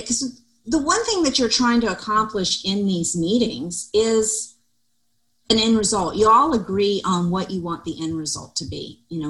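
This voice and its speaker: A middle-aged woman co-hosting a podcast, a loud and expressive talker in casual discussion. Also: fairly low pitch, low-quality recording. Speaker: podcast co-host.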